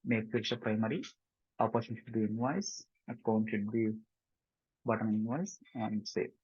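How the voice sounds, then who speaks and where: A software trainer with an Indian Telugu accent speaks very slowly in a husky, lowish voice, guiding learners step by step through a screen-share tutorial in two languages. He often checks understanding with short questions, and the lo-fi recording sounds dull and roomy.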